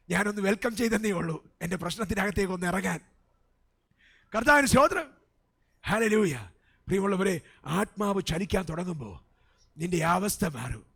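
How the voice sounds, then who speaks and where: A Malayali pastor preaching with a fairly high-pitched male voice. He drops to soft asides, then climbs to loud shouted peaks. Amens and hallelujahs fill every pause. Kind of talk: sermon. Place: church service.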